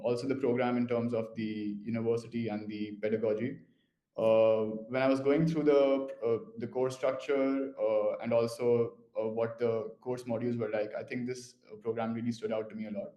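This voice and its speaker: A young man from India, a current master's student speaking in an online info session, measured and dotted with "uh" fillers. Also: mid-range voice, mellow, echoey room, dull audio.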